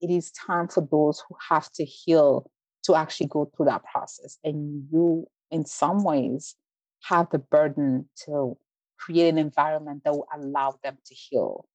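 A woman, from Belgium, speaking earnestly and in a measured way as an interview guest, often saying "like". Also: low voice, fairly even intonation, darkish tone, no room sound, poor audio. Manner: earnest, measured, frequent "like" fillers. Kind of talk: interview conversation.

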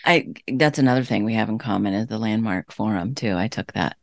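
A woman's voice: extremely low pitch, brisk, dry recording, clean studio sound. A woman hosting a podcast interview, affirming her guest and asking questions with enthusiasm. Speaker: podcast host. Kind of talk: casual interview conversation.

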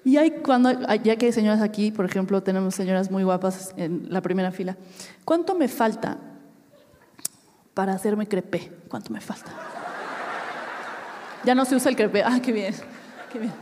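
A woman's voice: mid-range voice, fast talker, warm tone, big-room sound. A woman in her thirties with a Mexican accent performing a live stand-up routine on stage, chatty and swearing casually as she laughs at her own jokes. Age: 30s. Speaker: stand-up comedian. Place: comedy stage before a live audience.

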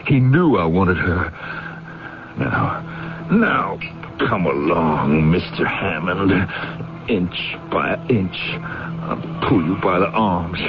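A man's voice: low voice, expressive, takes it slowly, full character voice. An actor playing a jealous man who mutters to himself as he plots to kill his rival, in a radio drama. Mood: scheming. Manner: brooding, muttering to himself in asides. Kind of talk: 1980s radio drama acting. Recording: dull old radio recording with music.

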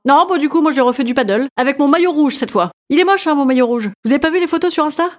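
Fast-talking, chatty young comedienne. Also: female voice, sits high, expressive. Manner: quick, chatty, self-mocking, slips into put-on voices. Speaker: comedian host of a daily episode. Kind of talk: comic monologue to an audience.

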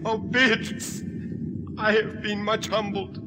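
A man playing a proud, desperate imprisoned captain in a 1940s radio drama, talking intensely and in hushed tones, with a dramatic score behind him. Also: sits high, flat delivery, takes it slowly, heavy background noise. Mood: hushed fearful. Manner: intense, breathless and hushed by turns.

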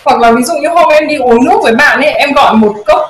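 Young woman co-host, lively anecdote-teller with a slightly high voice, recorded in an echoey room. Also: fast talker. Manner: lively storyteller, acts out quoted voices. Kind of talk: casual chat. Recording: roomy echo.

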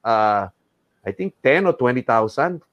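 Speaking at a slightly slow pace in a mid-range voice, this middle-aged interview guest animatedly recounts a story, mixing Tagalog with English and voicing other people's lines. The recording has no echo, and the high frequencies are cut off.

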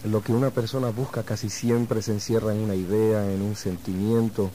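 A man from Uruguay, a guest musician answering interview questions in a reflective, measured way. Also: lowish voice, little pitch movement, dark tone, slight background noise, low-quality recording.

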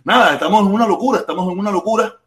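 High-voiced Cuban man in an echoey room. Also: very fast, fairly bright tone. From Cuba. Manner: rambling and repetitive, crude cursing. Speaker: livestream host. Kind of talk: casual live chat reading viewer comments.

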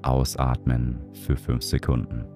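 A man's voice: extremely low pitch, flat delivery, unhurried. A man guiding a breathing meditation, counting breaths in short, spaced words. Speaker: meditation guide. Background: music.

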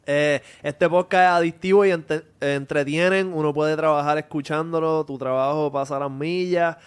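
A man's voice: a little high, fairly even intonation, moderate pace, clean tone. A man hosting a casual podcast, joking with slang and reading listener comments. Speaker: podcast host.

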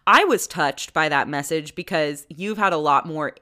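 A woman's voice: low-pitched, normal speed, sharp tone. A woman co-hosting a podcast in casual comedic chat, playful and easygoing, often echoing her own short phrases. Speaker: podcast co-host.

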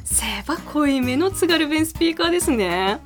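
A woman's voice: high voice, lively intonation, normal speed, faint music behind. A woman with a Tsugaru accent hosting a radio show in a studio, presenting dialect in a chatty style. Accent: Tsugaru (Aomori).

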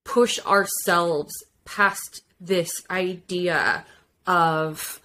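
A woman's voice: fairly low pitch, fairly even intonation, very slow, sharp tone, slight background noise. A woman co-hosting a podcast in casual chat, frank and emphatic, swearing and laughing easily. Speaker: podcast co-host.

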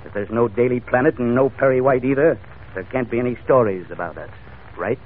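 A grim, heavy-set American racketeer in his middle age, played by a male radio actor, barks menacing orders at a rapid clip. The 1940s radio drama sound is narrow and noisy, as from an old broadcast. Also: medium pitch, natural voice. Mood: cold, scheming. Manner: curt, commanding, menacing.

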